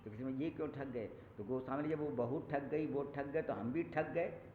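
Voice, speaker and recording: A male preacher delivers a devotional sermon, moving from storytelling into slow, sung recitation of verses. His voice comes through a thin, phone-like channel that rings with the long reverb of a large hall. A faint hum sits underneath. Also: medium pitch. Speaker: katha preacher. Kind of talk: Ram Katha sermon with chanted verses. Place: temple hall. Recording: echoey hall over a tinny lo-fi line.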